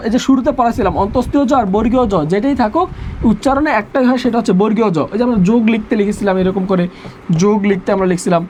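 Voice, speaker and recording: A man's voice: extremely high pitch, darkish tone, slight background noise. A young man teaching an online revision class, repeating rules and quizzing his students.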